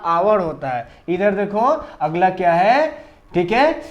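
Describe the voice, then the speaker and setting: A man with a Hindi accent teaches a classroom lesson and keeps asking his pupils the same questions over and over. His voice sits high and he talks in an unhurried, measured way. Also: very animated, muffled recording. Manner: call-and-response drilling, repeats questions to pupils. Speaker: English grammar teacher.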